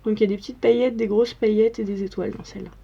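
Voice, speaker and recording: Soft-toned young woman narrating makeup. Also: medium pitch, fairly even intonation, very fast, creaky, slightly rough, muffled recording. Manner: chatty, step-by-step narration. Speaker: makeup vlogger. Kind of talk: casual makeup tutorial talk.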